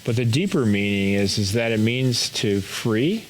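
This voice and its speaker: A man preaching an online sermon as pastor, explaining word meanings in slow, deliberate teaching with pauses. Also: fairly low pitch, animated, a little hiss or hum. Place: home or church, recorded for online service.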